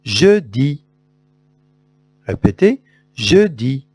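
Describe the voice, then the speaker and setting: A man with a Moroccan accent leads a phonics lesson for young pupils, drilling sounds one by one. He speaks slowly, with a lively, swooping pitch that rises and falls on each word. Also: slightly rough. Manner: slow, deliberate drilling with repetitions. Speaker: teacher.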